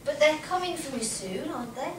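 A woman's voice: high-pitched, animated, brisk. An older woman playing a confused, childlike, querulous elderly mother in a staged play reading. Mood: muddled, plaintive. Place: small indoor stage. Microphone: far camera. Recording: echoey small theatre, distant mic, noisy.

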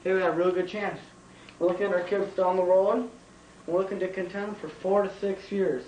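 Teacher impression: intense baseball coach played by a young man, high voice, emphatic, repetitive speechifying, roomy comedy skit recording. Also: steady tone, a little fast, darkish tone, muffled recording, natural voice. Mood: earnest, proud. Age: young adult. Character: intense, earnest male baseball coach obsessed with the game. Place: home kitchen. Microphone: camcorder across the room. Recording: roomy, distant, hissy home camcorder.

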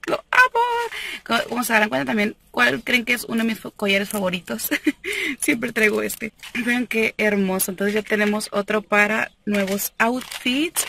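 A woman's voice: medium pitch, pushed and bright, slight background noise. A young woman, chatting enthusiastically as she unboxes cosmetics in a parked car, filmed on a phone held at arm's length. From Mexico. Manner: chatty and enthusiastic, laughs often. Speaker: cosmetics seller and vlogger. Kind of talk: casual unboxing chat. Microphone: phone camera at arm's length.

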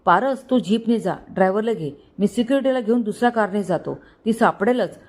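A woman's voice: mid-range voice, a little fast, a little mellow, natural voice. A woman voicing a grumpy, short-tempered rich father woken in the night in a storybook reading. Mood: irritable. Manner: irritable, grumbling.

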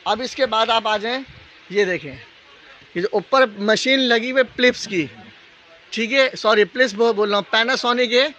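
A high-voiced male salesman with a Pakistani accent walks the aisles of an indoor appliance store, hosting a live sale video on a handheld phone. His off-the-cuff pitch is pushed and bright, repeating prices and tag phrases like a street seller. The phone audio is dull.

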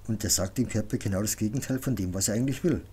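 A man reading an audiobook voices a calm, commanding grown woman who speaks softly but firmly, as if teaching. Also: lowish voice, fast talker, breathy edge. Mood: instructive. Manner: soft, firm, instructive.

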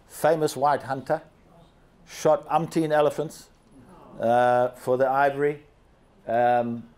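Handheld microphone in hand, an older guest speaker from Zambia delivers a lively slide presentation to people seated in a large banquet hall. He speaks at a medium pitch and poses questions to the audience.

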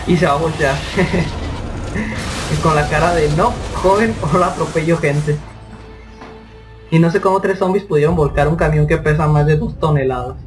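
A young Mexican man with a Mexican accent, joking through a zombie game commentary and panicking in quick "no, no, no" bursts. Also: on the high side, steady tone. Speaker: gameplay commentator. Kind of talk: let's play commentary. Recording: distant mic with loud game music. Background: game music.

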